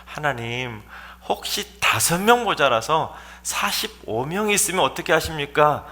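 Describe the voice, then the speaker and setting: A man's voice: extremely high pitch, expressive, quick pace, sharp tone, pitched above the performer's own voice, exaggerated voice. A man playing an agitated old patriarch. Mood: pleading. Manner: insistent, bargaining questions.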